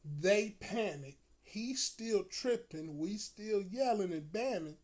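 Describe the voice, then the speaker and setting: A man telling a profane story in a casual, animated way, often breaking into laughter. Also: high-pitched, slow.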